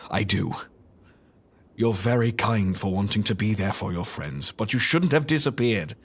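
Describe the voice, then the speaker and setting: An actor playing Doctor Watson, a loyal, gentle and earnest doctor, in an audio drama. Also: male voice, on the low side, animated, normal speed, breathy edge. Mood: relieved, concerned. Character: Doctor Watson, kindly, loyal, wounded male friend and writer.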